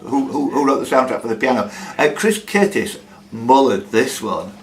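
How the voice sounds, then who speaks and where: Background noise is clear in this live-room recording of a man hosting a pub-style quiz. His mid-range voice is animated and keeps a normal speed as he reads out questions and ad-libs jokey banter in between.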